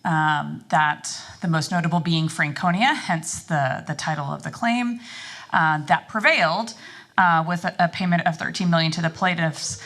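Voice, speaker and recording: A woman presenting as an executive director, giving a semi-formal, halting explanatory briefing to a board. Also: sits low, fairly bright tone. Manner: halting, explanatory, frequent ums and repeats.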